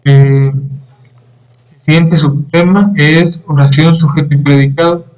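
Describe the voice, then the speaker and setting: A young man giving a class presentation on grammar, reading with halting pauses, fillers and throat clearing. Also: a little high, fairly even intonation, a little mellow, dull audio. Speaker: student presenter.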